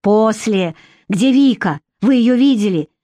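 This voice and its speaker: A woman's voice: fairly high pitch, expressive, a little slow, warm tone, dry recording, studio quality. A woman reading an irritable stubborn man. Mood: irritated. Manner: curt, exasperated, lecturing. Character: irritable stubborn middle-aged man, harried husband. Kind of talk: audiobook reading.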